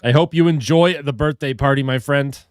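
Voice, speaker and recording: On a hockey live stream, a young adult man greets viewers and reads out their comments in a relaxed way, his voice stuffed up from a head cold. He speaks at medium pitch and moderate pace with a clean tone, seeming a little tired. The recording is studio quality without echo.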